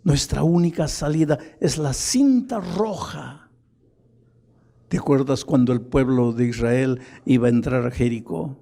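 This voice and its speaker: A man's voice: mid-range voice, a little slow, gravelly, warm tone. An older man from Peru preaching a sermon as a pastor, telling a story dramatically with rhetorical questions and rising emphasis.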